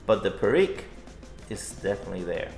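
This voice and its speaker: A man's voice: low voice, sing-song, brisk, gravelly, darkish tone. A man co-hosting a product review in casual, conversational chat. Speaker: co-host of a pipe tobacco review. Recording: echoey room, music in the background.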